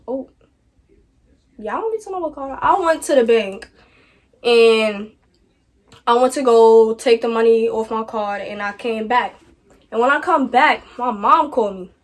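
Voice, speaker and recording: Animated teenage girl telling a story. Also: a little high, measured pace, long pauses. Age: teens. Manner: animated storytelling with slangy asides, acting out quoted lines. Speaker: vlogger. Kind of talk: storytime vlog.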